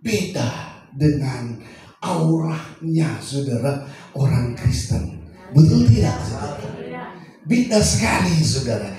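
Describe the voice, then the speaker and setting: A male pastor, preaching a sermon in a church, his phrases swinging up into sung, shouted lines. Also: mid-range voice, animated, slow pace. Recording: echoey church hall, from far off, faint music.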